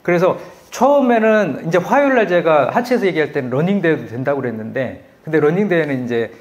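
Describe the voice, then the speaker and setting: A middle-aged man preaching a sermon, telling stories with animated, loud quoted voices. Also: a little high, fast. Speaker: pastor.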